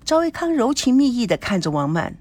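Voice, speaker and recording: Woman narrator for an audiobook romance, lively and sing-song, dry close sound. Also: fairly high pitch, brisk, slightly rough, no echo. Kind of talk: audiobook novel reading.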